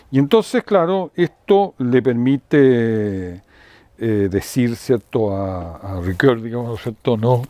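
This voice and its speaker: An older man giving a university philosophy lecture, digressive and full of tag questions and fillers, clearing his throat now and then. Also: mid-range voice, a little mellow, dry recording. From Chile.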